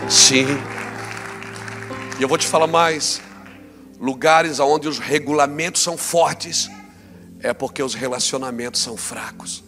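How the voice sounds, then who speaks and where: A man preaching a sermon, swinging between loud exclamations and quiet, low passages. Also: measured pace, pauses often, big-room sound, music in the background, a crowd in the background.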